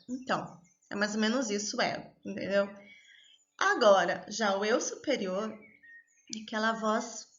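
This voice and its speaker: A woman giving a calm, explanatory self-development lesson, often checking in with a questioning tag. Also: medium pitch, highs cut off. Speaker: course teacher.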